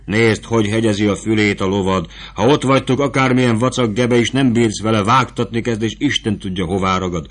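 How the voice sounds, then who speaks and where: A man reading aloud, voicing a rough, motherly woman who sells goods to soldiers and bosses a young recruit around. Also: lowish voice, hardly any pauses, pitched above the performer's own voice, close to an everyday voice. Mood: bossy. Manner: bossy, scolding and commanding. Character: rough motherly woman army camp seller.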